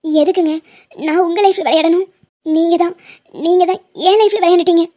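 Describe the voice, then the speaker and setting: A woman's voice: very high-pitched, fairly even intonation, fairly quick, warm tone. A woman voicing a young woman obsessed with love in a cartoon, pleading and insistent. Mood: accusing.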